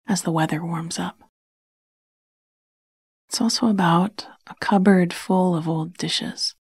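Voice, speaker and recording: Breathy, whispery woman, slow and soothing. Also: lowish voice, no echo, clean studio sound. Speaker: sleep podcast host and storyteller. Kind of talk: soft bedtime story narration.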